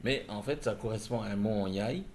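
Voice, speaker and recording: A man teaching pronunciation, saying each word slowly and clearly twice, with an other than the one he explains in. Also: lowish voice. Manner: says each word twice, carefully and loudly. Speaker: language teacher. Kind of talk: slow pronunciation lesson.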